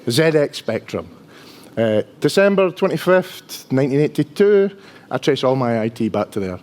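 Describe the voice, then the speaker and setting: A mid-range, slightly mellow male voice moves at normal speed with a sing-song quality. The speaker is an IT engineer in his fifties from Dundee, Scotland, whose strong Dundonian accent colors a chatty, self-deprecating conference presentation, with frequent "right?" tags.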